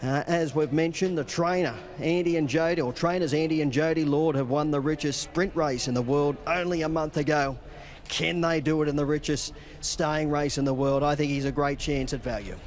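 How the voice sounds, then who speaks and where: A man with an Australian accent and a fairly high voice, talking as a betting tipster. He previews greyhound races, sizing up runners and odds as a co-commentator. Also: fairly even intonation, moderate pace.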